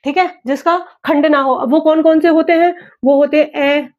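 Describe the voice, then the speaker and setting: A woman's voice: sits high, steady tone, moderate pace, darkish tone, muffled recording. A woman teaching an exam-prep class, asking a question, answering it herself and repeating it back. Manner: repetitive, drilling, asks and answers own questions.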